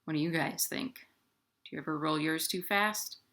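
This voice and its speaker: A woman with a low, slightly bright voice reads at a moderate pace during a children's storytime she hosts at home. As a children's librarian, she uses playful sing-song rhymes and speaks right to the young listeners.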